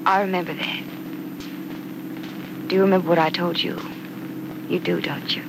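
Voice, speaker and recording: Sweet sensible young girlfriend in an old radio soap, soft earnest talk, pretty noisy recording. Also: on the low side, little pitch movement, normal speed, vocal fry. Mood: tender. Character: affectionate, gently sensible young sweetheart woman. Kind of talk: old radio serial acting.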